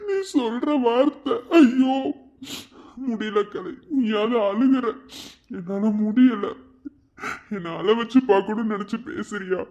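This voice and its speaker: A man's voice: very high voice, a little slow, long pauses, dark tone, dull audio. A man voicing a devoted, heartbroken young college man in a cartoon love story, pleading and near tears. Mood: anguished pleading.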